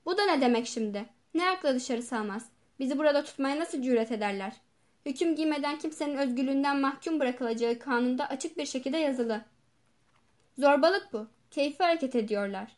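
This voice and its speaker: Brief: woman voicing an enraged male asylum inmate, loud, pitched up, storybook reading. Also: lively intonation, brisk. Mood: outraged. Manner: furious, shouting accusations. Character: desperate shouting male asylum patient.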